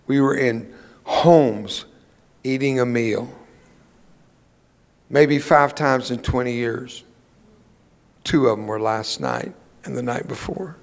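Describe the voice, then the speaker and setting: An older Spanish-speaking-born man, here as a guest preacher, gives a homespun sermon laced with comic anecdotes from his own life. His voice sits on the high side and carries through a large hall in the church sanctuary, mixing humor with emphatic preaching.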